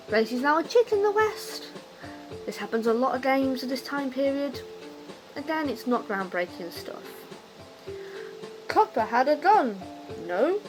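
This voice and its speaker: A woman with a high-pitched voice, captured on a low-quality recording, is a video game commentator. She's drunk and launches into a rambling, unscripted rant about her hobby, loose-tongued, opinionated and exasperatedly emphatic.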